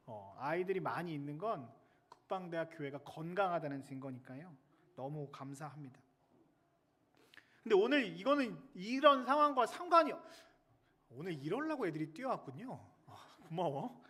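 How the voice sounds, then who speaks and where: A male military chaplain preaching a sermon in a lively, chatty way, joking with the children in the pews. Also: high-pitched.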